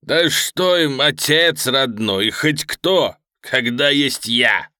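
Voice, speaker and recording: A man's voice: medium pitch, animated, no room sound, studio quality, heavily acted. Man playing a gloating bandit villain. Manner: slow, mocking, gloating, loud. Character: cruel, burned male bandit leader, gloating.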